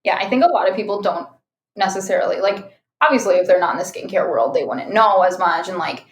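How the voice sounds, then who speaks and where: A woman's voice: medium pitch, fast, slight background noise. Chatty woman in a roomy echo. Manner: chatty, many fillers. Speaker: esthetician. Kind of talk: casual podcast chat.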